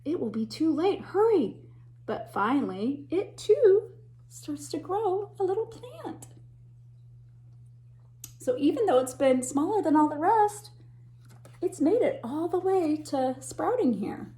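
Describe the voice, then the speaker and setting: It's an expressive storytime read-aloud: a woman teacher, her voice sitting high, brings a picture book to life for kids. She gasps and whispers at suspenseful moments and stops to draw attention to the pictures.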